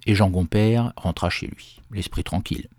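A man narrating a folk tale in a measured storytelling manner. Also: low voice, steady tone, a little mellow, dry recording, studio quality.

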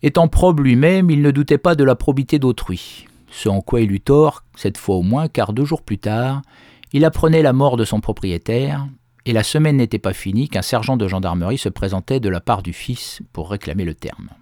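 A man narrating a folk tale in a measured storytelling manner. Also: mid-range voice, expressive, dark tone, no echo, studio quality.

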